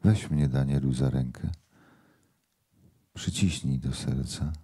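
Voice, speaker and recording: A man's voice: very deep voice, slow, dark tone, breathy edge, full character voice. A man reading the lines of a young mother torn between love and duty, in a book reading.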